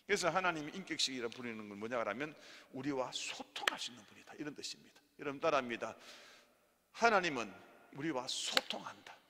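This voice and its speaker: A male pastor teaching theology in a church, animated and leading the congregation in repeat-after-me lines and amens. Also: mid-range voice, quick pace, hardly any pauses. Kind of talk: sermon-style theology class. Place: church hall. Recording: hall reverb.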